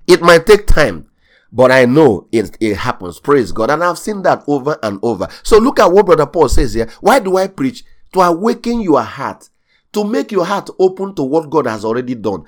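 A man's voice: on the high side, big pitch swings, normal speed. Emphatic preaching pastor, a man. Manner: emphatic, repeats key phrases, rising bursts of intensity. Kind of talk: sermon.

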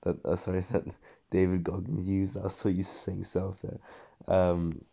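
Over dull, lo-fi audio, a young man talks at a normal speed in a loose, slang-heavy ramble full of fillers and restarts. The tone is dark and flat, sitting low with a worn, hoarse, gravelly texture.

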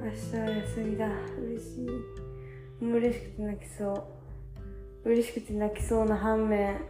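A tired young woman in her twenties chatting casually on her own, self-mocking and acting out quotes in a higher voice. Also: little pitch movement, a little slow, reverberant. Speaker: vlogger. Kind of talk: casual solo chat. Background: soft guitar music.

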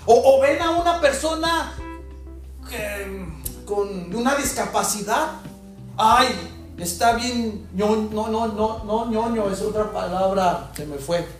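Slow-preaching woman in echoey church. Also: mid-range voice. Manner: animated, mimics people in mocking voices. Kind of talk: sermon. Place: large echoing church hall. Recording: very echoey hall with faint music.

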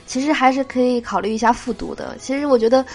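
A woman's voice: high-pitched, quick pace. A woman hosting a joke show, reading jokes aloud with a nasal voice from a cold and laughing at her own punchlines.

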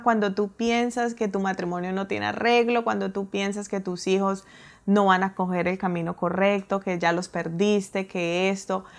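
A woman telling a personal story in a casual, animated way, acting out her own reactions. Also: medium pitch. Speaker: guest telling her testimony.

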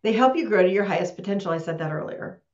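A live online session is led by a woman with a medium-pitched, darkish voice who talks quickly and animatedly. She keeps things casual, laughs often, and restarts sentences. The sound is roomy and dull, captured by a computer mic on a video call.

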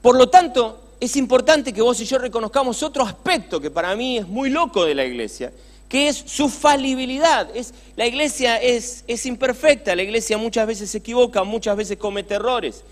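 A man's voice: very high-pitched, moderate pace. A man with a Rioplatense Spanish accent preaching a sermon in a passionate, conversational way, with many rhetorical questions.

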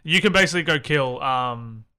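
A man laughs his way through a casual gaming chat, hesitating and filling pauses as he talks. His voice is bright and clean, with a crisp edge. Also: fairly high pitch, expressive. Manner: laughs often, hesitant, full of fillers. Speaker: podcast co-host.

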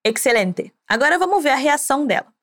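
A woman hosting a scripted language lesson, explaining clearly and encouraging the listener to repeat after her. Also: high voice, expressive, a little fast, a bit bright. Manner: clear, encouraging, drilling repetition. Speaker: language teacher host.

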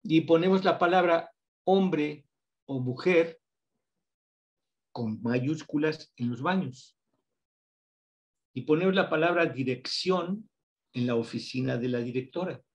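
A man with a Mexican accent, explaining things patiently as an interview guest, spelling out examples slowly in a teacherly way. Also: a little high, dull audio. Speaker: guest researcher on reading instruction.

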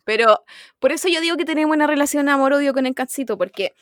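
A woman's voice: sits high, quick pace, a bit bright, no echo, studio quality. A young Chilean woman co-hosting a podcast, chatty and giggly with self-mocking humor. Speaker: podcast co-host. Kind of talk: casual chat.

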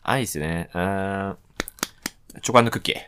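A man co-hosting a podcast, relaxed and offhand, giving short answers to a quick-fire list of questions. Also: deep voice, slight background noise. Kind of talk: casual chat.

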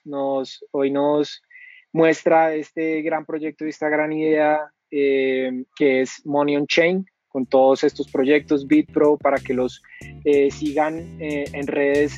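Effusive male host, slightly high voice, soft music under him. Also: no room sound, muffled recording. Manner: effusive, repeats his thanks. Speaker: podcast host. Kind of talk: casual interview wrap-up.

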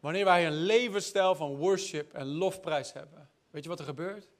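Male preacher, high voice, sermon full of anecdotes and quips. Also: normal speed. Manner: storytelling, jokey asides, repeats words when searching.

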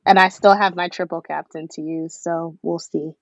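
A woman with a slightly low voice chats casually on a podcast panel, telling stories informally. The sound is dry and a bit muffled. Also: fairly even intonation, normal speed, no echo. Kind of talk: casual chat, storytelling. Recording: dull, dry, lo-fi microphone sound.

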